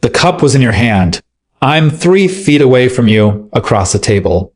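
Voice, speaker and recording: A man's voice: medium pitch, expressive, normal speed, husky. A hurt but defiant wife, put on by a male narrator. She speaks firmly and incredulously in an ordinary mid-range voice, kept near the storyteller's own tone.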